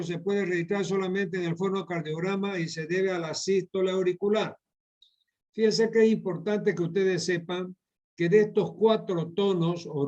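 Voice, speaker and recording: A man's voice: high-pitched, darkish tone. Man lecturing on a dull lo-fi recording. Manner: repetitive, explanatory, addresses students directly. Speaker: medical lecturer.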